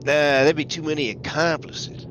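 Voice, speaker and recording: A game master voicing a gruff, suspicious man with a terse, muttering delivery in a tabletop game. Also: mid-range voice, flat delivery, normal speed, noisy background, voice pushed down, lightly acted. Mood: coldly suspicious. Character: gruff, suspicious mustachioed man, shady gunslinger. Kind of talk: tabletop role-play character voice.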